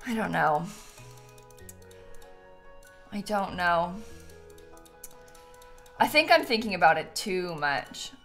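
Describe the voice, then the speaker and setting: A woman's voice: fairly low pitch, very animated, slow, pauses often, a bit bright. A playful young adult woman chatting casually and self-deprecatingly to viewers on a gaming live stream, giggly and close on the mic. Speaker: game streamer, host. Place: small room indoors at home. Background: game music.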